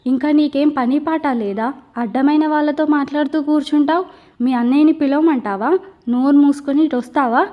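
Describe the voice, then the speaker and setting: A woman's voice: high-pitched, normal speed, muffled recording, close to an everyday voice. A woman voicing an angry young bride who scolds sharply, in an audio story. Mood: scornful. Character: angry young bride snapping at her sister-in-law.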